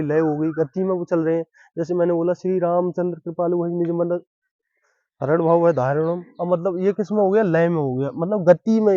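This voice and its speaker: Guy teaching poetry basics, highish voice, keeps asking "got it?", flat dull dry audio. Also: no echo. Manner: explains slowly, keeps asking if it is understood. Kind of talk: classroom-style Hindi poetry lesson.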